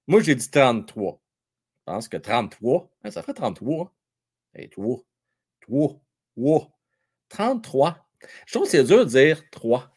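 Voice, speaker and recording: A man with a Québécois French accent hosting a hockey livestream, chatting and joking with his viewers in an excitable way. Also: on the high side. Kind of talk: casual live chat with viewers.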